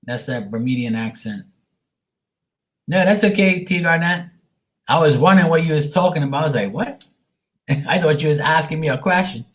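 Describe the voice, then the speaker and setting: A man's voice: on the high side, moderate pace, long pauses, fairly bright tone. Casual, encouraging man chatting on a livestream. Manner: informal, encouraging advice, addresses viewers by name. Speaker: psychic reader and livestream host. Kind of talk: casual livestream chat with viewers.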